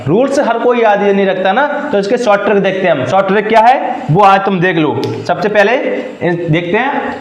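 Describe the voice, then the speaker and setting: High-voiced male teacher in an echoey room. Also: brisk. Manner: repeats questions and answers them himself. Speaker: English teacher. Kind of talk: classroom lesson.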